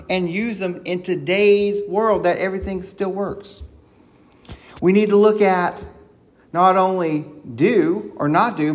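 A man preaching a sermon, excited and quick, with frequent restarts and repeated words. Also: sits high. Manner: excited, talking fast with many restarts.

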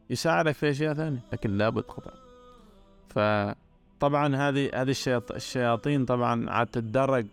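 A man's voice: mid-range voice, creaky, clean tone. A man giving an earnest religious talk, stressing points by repeating words. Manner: earnest, repetitive emphasis.

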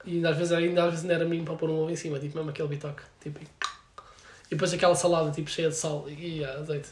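Young male, European Portuguese accent, rapid casual talker, slangy and filler-heavy, roomy sound. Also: on the high side, flat delivery, a little mellow, slight background noise. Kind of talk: casual chat.

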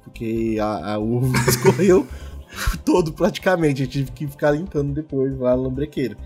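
A man's voice: medium pitch, normal speed, a little mellow, soft background music. A young man with a Brazilian Portuguese accent, telling personal stories in a slangy, jokey, rambling chat among friends. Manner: slangy, jokey, rambling with frequent tag questions.

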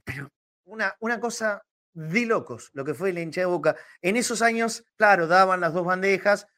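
High-voiced Argentine man talking football emphatically. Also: moderate pace, sharp tone. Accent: Argentine Spanish. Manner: emphatic, repeats words for emphasis. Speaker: football show pundit. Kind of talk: animated football talk, reminiscing.

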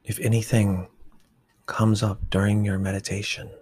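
A man leading a guided meditation, giving slow, soft instructions that often drop to a whisper. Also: lowish voice, flat delivery, husky.

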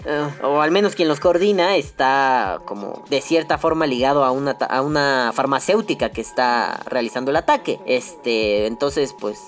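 Mexican male podcast host, salty slang-heavy storyteller, casual and animated. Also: mid-range voice. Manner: profane, slangy, animated anecdote-telling.

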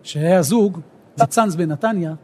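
A rabbi teaching a Torah lesson, an animated storyteller who rises to emphatic outbursts. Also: male voice, high voice.

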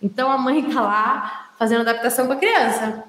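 A woman with a Brazilian Portuguese accent gives casual, chatty advice to parents, often checking in with her listeners as she explains. Her voice is on the high side, fairly quick and fairly bright, in a recording with a roomy echo.

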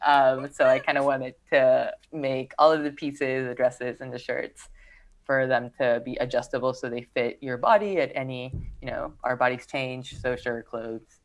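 A young woman from Peru talks about her fashion label in a relaxed, easygoing interview. Her voice sits very low for a woman, and she fills her sentences with "like" and "um" as she thinks aloud. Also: normal speed. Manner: relaxed, filler-heavy, lots of "like" and "um". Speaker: fashion brand founder. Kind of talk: casual interview chat.

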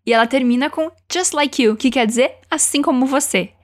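A woman teaching English, encouraging learners and slowing down to model each phrase for them to repeat. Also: high-pitched. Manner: encouraging, slows down to model pronunciation. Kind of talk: language lesson with repeat-after-me drills.

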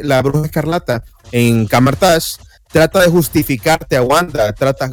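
A man co-hosting a podcast, casually discussing a film and laying out his arguments at length. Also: a little high. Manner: explanatory, argues his points at length. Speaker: podcast co-host.

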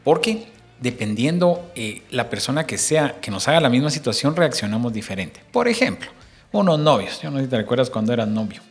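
Middle-aged male host, mid-pitched, talks faith to the listener over soft music, acts out quotes. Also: very animated, a little fast. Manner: preachy, addresses listener directly, acts out little quotes.

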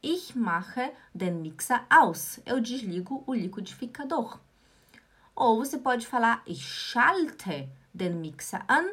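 A woman gives a live online German lesson. She speaks at a slow pace in a somewhat high voice. She repeats and drills each word carefully for her students. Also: big pitch swings, a bit bright, slightly rough. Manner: slow, repetitive drilling of words. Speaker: German teacher.

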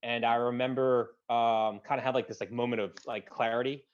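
A man in his thirties, a veteran guest in an interview, telling his story in a halting way with many fillers and restarts, his voice dropping low at emotional points. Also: fairly even intonation. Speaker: guest, combat-wounded veteran. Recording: dull, lo-fi sound.

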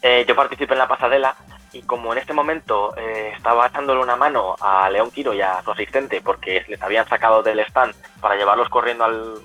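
A man's voice: medium pitch, fairly even intonation, brisk, pushed and bright, faint music behind, low-quality recording. A young man, telling stories as a guest in a casual chat, with frequent restarts and self-corrections. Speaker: guest cosplayer. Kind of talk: casual storytelling.

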